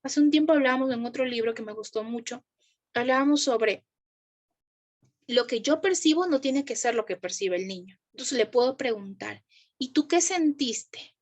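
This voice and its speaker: A woman's voice: on the high side, moderate pace. A woman speaking to a live group about parenting, asking the audience questions and acting out the voices she quotes. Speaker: parenting educator.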